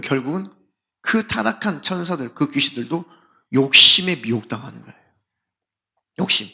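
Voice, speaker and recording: A man's voice: mid-range voice, creaky, bright, forceful tone. A male pastor preaching a sermon in an emphatic way, acting out exchanges as he goes. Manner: emphatic, acts out dialogue.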